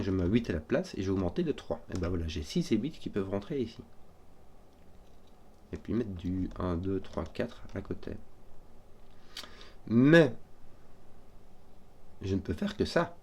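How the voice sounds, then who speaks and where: A man solving a number puzzle out loud, hesitant and often correcting himself as he works through it. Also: medium pitch. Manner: hesitant, self-correcting, halting. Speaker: puzzle solver. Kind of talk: thinking aloud while solving a puzzle.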